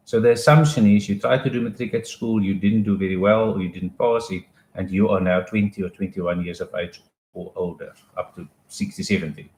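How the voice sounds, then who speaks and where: A man's voice: low-pitched, steady tone, fairly quick, darkish tone, echoey room, a little hiss or hum, poor audio. A man explaining exam options in a casual, conversational live talk, often restarting his sentences. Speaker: education advisor.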